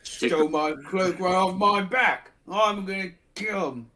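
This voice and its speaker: A man's voice: high-pitched, measured pace, pushed and bright. A man bantering casually in character as a player in a tabletop game.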